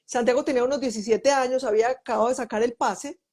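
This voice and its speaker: A woman's voice: on the high side, fast talker. A middle-aged woman hosting a family conversation, telling stories and acting out the dialogue in them. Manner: animated storyteller, acts out quoted dialogue. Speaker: host, mother.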